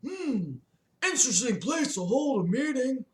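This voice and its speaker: A woman voicing a haughty, scornful male archangel leader with a slow, mocking, lofty delivery. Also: sits high, sing-song, darkish tone, voice pushed up. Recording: roomy echo.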